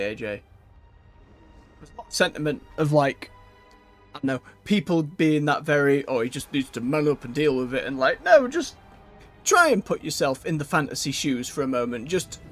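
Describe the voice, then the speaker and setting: A man streaming a fantasy game, giving chatty, animated commentary with quick asides. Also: on the high side. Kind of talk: casual live-stream commentary.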